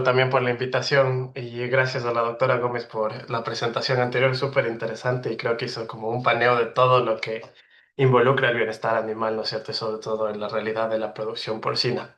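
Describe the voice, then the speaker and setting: A man's voice: medium pitch, steady tone, fairly quick, fairly bright tone. Ecuadorian vet in his thirties, webinar speaker, friendly and explanatory, video call audio. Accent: Ecuadorian Spanish. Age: 30s. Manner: friendly, explanatory, with frequent tag questions. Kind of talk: online presentation.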